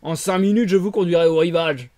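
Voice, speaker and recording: Homme jouant un gros thon jovial. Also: male voice, sits high, fairly quick, a little mellow, no room sound, clean studio sound, pitched above the performer's own voice, lightly acted. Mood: fort, généreux. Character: gros thon robuste et bienveillant.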